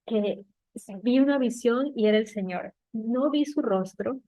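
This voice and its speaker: A woman sharing a personal faith testimony, emotional and halting, with soft laughs and tearful moments. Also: a little high, no room sound. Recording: tinny phone-like sound.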